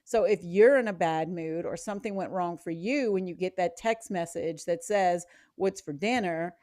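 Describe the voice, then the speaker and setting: A woman's voice: on the low side, normal speed, darkish tone, no echo. Woman host on a dry mic. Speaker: podcast host. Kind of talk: casual chat.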